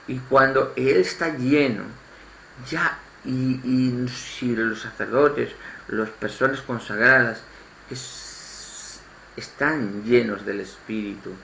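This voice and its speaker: A man from Spain with a Spanish accent giving an informal spoken sermon, halting and restarting his phrases and repeating words as he goes. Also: mid-range voice, vocal fry, pushed and bright, slight background noise. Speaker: lay preacher. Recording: echoey room, faint ambience.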